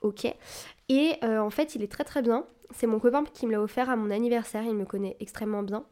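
A young woman talks loosely into a desk microphone for her solo podcast, her voice sitting a little high. She sounds chatty and encouraging, with plenty of fillers and English buzzwords dropped in along the way. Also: steady tone, fairly quick, darkish tone. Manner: self-described anxious, encouraging tone. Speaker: podcast host. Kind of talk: casual solo podcast chat. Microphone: desk mic on a boom arm.

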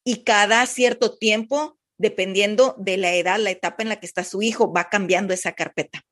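A woman's voice: mid-range voice, brisk, a bit bright. A woman hosting a podcast, chatting casually and sharing a story from a friend. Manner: chatty, loose, with restarts and fillers. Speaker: podcast host.

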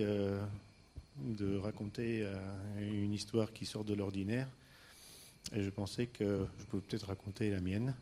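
A man from Istanbul telling his own life story on stage, hesitant with many pauses and fillers. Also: fairly low pitch, warm tone. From Istanbul, Turkey. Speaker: guest speaker.

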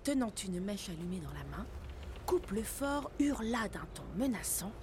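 A woman narrating a children's storybook in an expressive, lively manner. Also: mid-range voice, moderate pace, heavy background noise.

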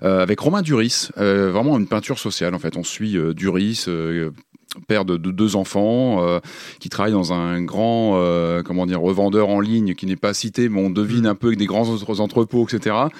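A man's voice: on the low side, normal speed, a little mellow, dry recording, clean studio sound. A man co-hosting a podcast in casual chat, hesitant and searching for his words. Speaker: podcast co-host.

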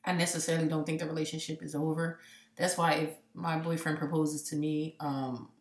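A woman's voice: low-pitched, little pitch movement, a little fast, reverberant. A woman in her late twenties co-hosting a podcast, talking candidly and reflectively, with a joking streak. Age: late 20s. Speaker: podcast co-host. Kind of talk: casual chat.

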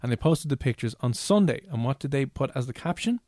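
An Irish man with a Dublin accent hosting casual radio chat in an animated, jokey, conversational way. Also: medium pitch, quick pace, dry recording, studio quality. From Ireland. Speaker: radio host.

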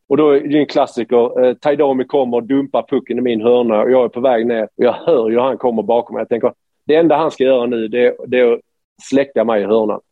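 A man from Sweden, a former hockey player, telling an animated anecdote with many restarts. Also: mid-range voice, no echo, phone-quality sound. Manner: animated storyteller, many restarts, quotes others.

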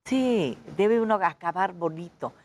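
A woman with a low voice and a Mexican accent, chatting as a guest. She tells her stories with feeling and acts out the dialogue. She sounds middle-aged. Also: measured pace. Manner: chatty, animated storytelling with quoted dialogue. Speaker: guest performer. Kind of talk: casual interview chat.

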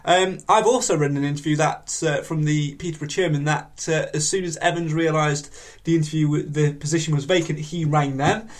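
A man hosting a football fan podcast, reading out viewer comments in a casual, halting way with many ums and restarts. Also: fairly high pitch, fairly even intonation.

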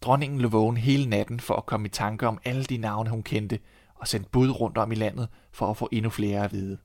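A Danish man reading a fairy tale aloud in a calm, measured storytelling manner. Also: on the low side, dry recording.

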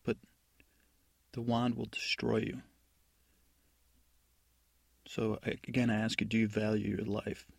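Man playing a stern warning godmother, gravelly, husky, dry close sound. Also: fairly low pitch, level tone, unhurried, long pauses, dry recording, exaggerated voice. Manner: stern warnings, rambling restarts. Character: stern jailed fairy godmother, woman, threatening.

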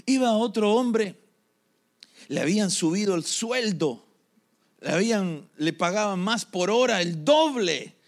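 Pastor, high and gravelly, unhurried storytelling sermon. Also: male voice, lively intonation. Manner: storytelling, addresses the congregation.

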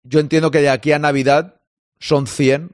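A man's voice: a little high, level tone, moderate pace, no echo, clean studio sound. A man with a Spain Spanish accent hosting a live sports stream, chatting casually and joking as he reads out listener comments. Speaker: sports podcast host.

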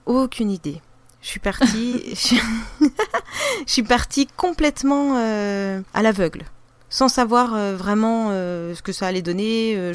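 A woman, a podcaster, with a regional French accent, chatting loosely in an interview with lots of fillers and restarts. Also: mid-range voice. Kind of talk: casual interview chat.

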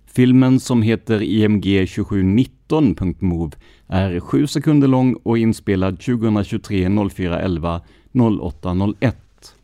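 Man, low mellow voice, dry close sound, measured scripted true crime narration. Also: no echo. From Sweden. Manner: measured, even reading of police records. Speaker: true crime podcast host.

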